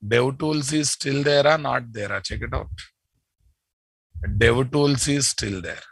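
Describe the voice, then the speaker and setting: Gravelly Telugu-accented man teaching coding. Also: mid-range voice, slow, no room sound. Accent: Telugu Indian. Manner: repeats phrases, ends with checking tag questions. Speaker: programming instructor. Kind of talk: live coding lesson, addressing students.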